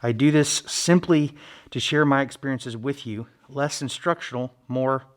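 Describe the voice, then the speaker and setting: A man narrating a casual hands-on build vlog in a halting, low-key, modest way, his voice slightly muffled by a face mask. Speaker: hobbyist knife maker and video host. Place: friend's basement workshop.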